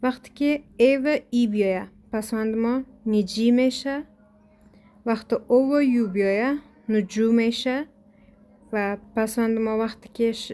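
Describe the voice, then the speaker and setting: A woman with an Afghan Dari accent teaching a language lesson from a textbook. She reads each example aloud and then explains it slowly, step by step. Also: on the high side, warm tone.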